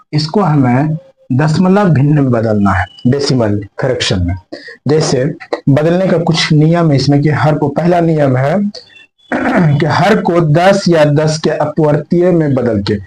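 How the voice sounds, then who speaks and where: Working through a maths lesson on the board, this man asks questions and answers them himself, repeating and rephrasing each step while mixing in English words. His voice sits at medium pitch and is a little mellow, but the recording is low-quality.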